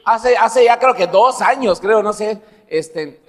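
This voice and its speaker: A man's voice: high-pitched, slow. A man preaching a sermon as pastor, telling personal stories and asking the congregation questions. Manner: animated, laughs at own stories, asks the congregation questions. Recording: long hall reverb.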